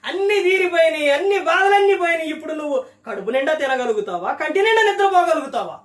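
Preacher asking rhetorical questions, high-pitched. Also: expressive, quick pace, fairly bright tone, roomy sound, distant mic. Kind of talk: sermon.

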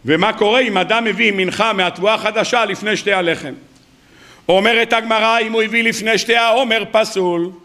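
A man's voice: high-pitched, fairly even intonation, bright, forceful tone. A man giving a weekly sermon as a rabbi, telling stories dramatically and acting out the dialogue while addressing his listeners. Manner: dramatic storytelling, acting out quoted dialogue, addressing audience as "rabbotai".

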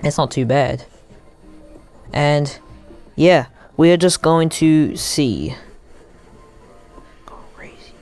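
Young guy doing casual roblox-style gaming commentary on headphones as a mic, slow and halting, clear smooth voice. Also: on the high side, darkish tone, faint music behind. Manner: halting, thinking aloud while typing. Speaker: gaming YouTuber. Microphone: headphones used as mic.

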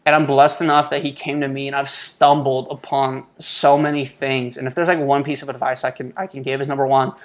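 Fairly quick and with few pauses, a man with a medium pitch and flat delivery speaks to camera in a casual motivational vlog. He's a twenty-something Israeli-born online entrepreneur, YouTuber and mentor who uses slang and keeps addressing listeners as "guys." It's recorded on a lapel mic in a small indoor home office.

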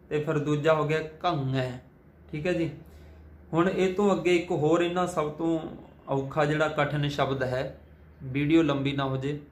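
A man who chants scripture and then teaches how to pronounce hard words. He spells out letters and vowel signs slowly and carefully. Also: on the high side. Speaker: Sikh scripture reader and teacher. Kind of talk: chanted scripture recitation, then pronunciation lesson. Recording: echoey room with faint ambient noise.

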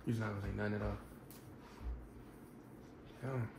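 A man vlogger in casual chat, talking in a slangy, low-key way. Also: fairly even intonation, normal speed, vocal fry. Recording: roomy echo with loud background noise.

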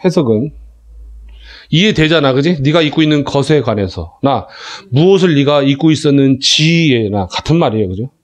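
A man teaching a class of students, talking in a casual, animated way, calling on students by name and checking they follow. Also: mid-range voice, moderate pace. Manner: animated, calls students by name, asks "그지?" often. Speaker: academy English teacher. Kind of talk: classroom lecture.

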